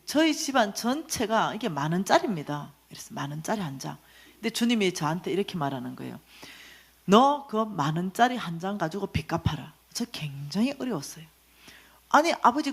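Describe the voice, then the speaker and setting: A middle-aged woman giving a lively church finance lecture, telling her own story and acting out the voices in it. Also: medium pitch. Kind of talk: testimony sermon lecture.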